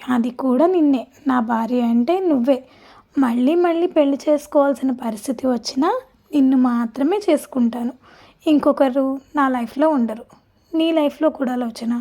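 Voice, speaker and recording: Storybook husband, loving and earnest, read by a woman, high mellow voice. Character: loving young husband, tender and reassuring.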